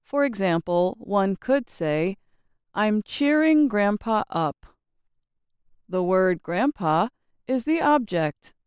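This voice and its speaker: An American woman narrating a scripted English lesson, speaking slowly, carefully and expressively. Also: medium pitch, expressive, a little mellow, clear, resonant tone, dry recording, studio quality.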